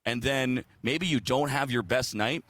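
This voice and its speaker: A man appearing as a guest sports broadcaster breaks down hockey analysis in a casual, conversational way, often checking in with "right?" as he explains. His voice is medium-pitched and fairly bright, his pace unhurried, and the recording is dry.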